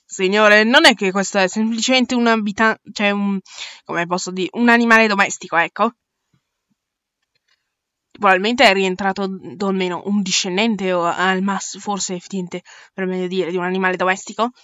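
A woman's voice: medium pitch, fairly even intonation, normal speed, fairly bright tone, no echo, lo-fi sound, lightly acted. A woman playing a jumpy male space crewmate. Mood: rambling. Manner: rambling, restarting mid-word. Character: young male crewmate explorer, jumpy and talkative. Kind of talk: amateur audio drama.

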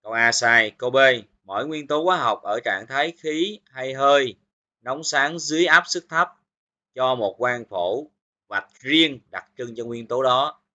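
A man with a bright, forceful voice walks through a physics exam review. He explains each answer step by step and keeps asking his students whether they follow. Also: medium pitch, a little slow. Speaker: physics teacher.

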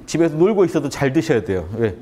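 A man's voice: on the high side, quick pace. A man lecturing on Buddhist teachings to an audience, often stopping to ask them questions. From Korea. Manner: animated, asks the audience questions.

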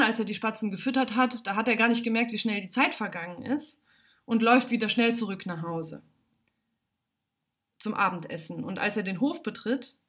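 A woman reads a children's story aloud in an animated, dramatic way. She speaks from home on a livestream. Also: medium pitch.

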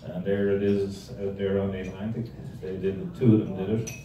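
A man in his sixties from Ireland delivers a rambling, tongue-in-cheek history lecture with slides to a club, talking fairly quickly in a low voice with little pitch movement. He uses a handheld or stand mic in an indoor hall with a projection screen. Recorded by an audience camera, the audio is distant, echoey and has a noisy background.

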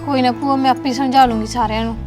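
Woman doing a quick high-voiced young niece, soothing, music behind. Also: steady tone, natural voice. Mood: reassuring. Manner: rapid, reassuring. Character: young married niece, caring and reassuring.

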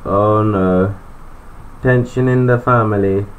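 A man's voice: lowish voice, steady tone, takes it slowly, phone-quality sound, a little hiss or hum. A man giving chatty, joking gameplay commentary, thinking aloud as he plays. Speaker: gaming YouTuber.

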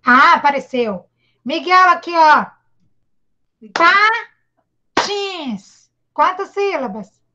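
A Brazilian woman with a high, bright voice gives a patient reading lesson to a young child. She encourages him gently and sounds out each syllable slowly. The sound is dull and lo-fi, as on a video call. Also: animated. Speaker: primary school teacher. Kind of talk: online literacy lesson for a child.

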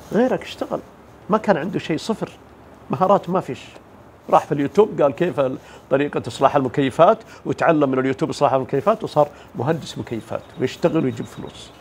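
Gravelly man giving motivational talk. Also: fairly high pitch, slight background noise. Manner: emphatic, rhetorical questions, mimics other people. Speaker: motivational speaker.

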